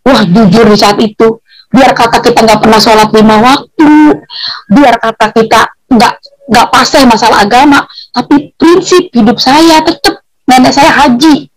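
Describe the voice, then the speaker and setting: A woman's voice: on the high side, normal speed, low-quality recording. A woman telling her personal faith testimony, emotional and chatty, her voice sometimes breaking into tears. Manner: emotional, voice at times tearful and breaking; informal, chatty storytelling with local slang.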